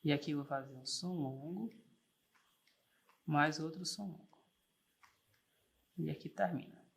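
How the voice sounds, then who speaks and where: Guy teaching music theory online, fairly high voice, keeps asking if you got it, sings notes to show the beat. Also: unhurried, vocal fry. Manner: patient, encouraging, checks in with "tá bom?" and "certo?"; sings sustained "sol" notes while clapping the beat.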